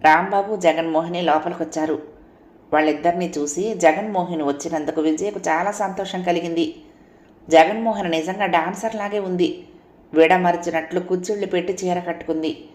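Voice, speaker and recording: A woman narrating a novel as a storyteller, reading in a steady, even way. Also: fairly low pitch, moderate pace, echoey room.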